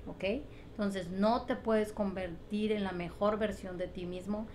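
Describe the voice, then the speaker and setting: A woman's voice: medium pitch, steady tone, a little slow, darkish tone, slight background noise. Emphatic woman giving a pep talk. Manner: emphatic, repetitive, asks rhetorical questions. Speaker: motivational vlogger. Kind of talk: motivational talk to camera.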